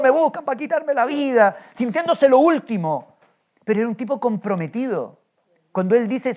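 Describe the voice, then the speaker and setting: A male pastor preaching a sermon, telling a story with energy and often asking the congregation rhetorical questions. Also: extremely high pitch. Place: church.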